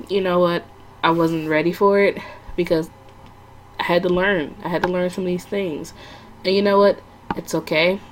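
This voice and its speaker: A woman's voice: on the low side, slight background noise. A woman talking casually to her viewers, chatty and rambling, with lots of fillers and restarts. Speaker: vlogger giving sales tips. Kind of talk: casual talk to camera.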